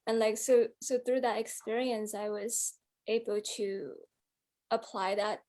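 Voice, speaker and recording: A woman's voice: medium pitch, steady tone, a little slow, mellow. A woman from Hong Kong, a guest musician in an interview, speaking reflectively and filling her talk with "um" and "like". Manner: reflective, many fillers, hedging "like" and "um".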